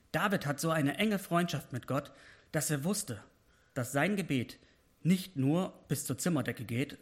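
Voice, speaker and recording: A man giving a personal devotional sermon, speaking with passion and rising to emphatic peaks when he voices prayers. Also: mid-range voice. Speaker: preacher.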